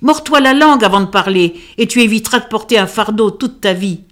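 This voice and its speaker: A woman reading aloud, voicing a stern, worried father who scolds his daughter in a loud voice. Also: mid-range voice, a little fast, voice pushed up, close to an everyday voice. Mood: angry.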